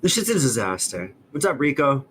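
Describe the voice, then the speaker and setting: A man's voice: medium pitch, sing-song, fairly quick, fairly bright tone, slight background noise, low-quality recording. A man on a headset, bantering in voice chat in a brash, swearing, trash-talking way. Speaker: gaming buddy.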